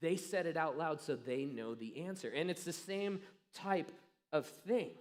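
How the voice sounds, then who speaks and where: A man with a fairly high voice delivers a sermon as a pastor. He tells the story earnestly, builds dramatic pauses and lets his phrases fade to a hush. The sound carries the long reverb of a church auditorium. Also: animated.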